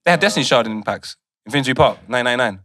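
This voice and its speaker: A man's voice: medium pitch, lively intonation, fast talker, background noise. A young man with a London accent chatting casually in slang. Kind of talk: casual banter, slangy chat. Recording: loud overlapping voices behind. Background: other people talking over him.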